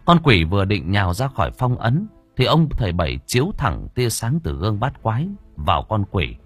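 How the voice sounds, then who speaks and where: Male audiobook narrator, low husky voice, lively intonation, dramatic horror storytelling. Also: moderate pace, soft background music.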